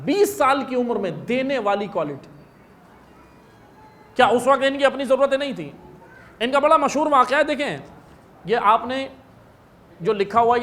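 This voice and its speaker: Male preacher, high voice, impassioned sermon, storyteller, acts out dialogue. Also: a bit bright. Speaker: religious scholar. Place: prayer hall.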